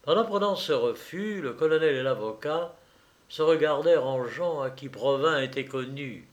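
A man narrating a classic novel as an audiobook, slow and measured. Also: fairly high pitch, expressive.

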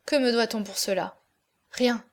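A woman's voice: a little high, measured pace. A woman reading the part of a distraught older man in an audiobook, voicing his anguished, pleading questions.

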